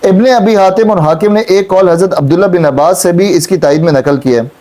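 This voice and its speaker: A man's voice: high voice, fast talker, mellow. A man teaching a Quran class, explaining verses and questioning his students, repeating key points. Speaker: Islamic teacher.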